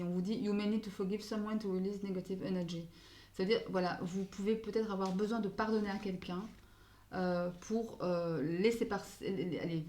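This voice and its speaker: In an echoey room, a woman with a medium-pitched, darkish voice does a casual tarot reading. She gropes for words hesitantly and frequently drops in English phrases.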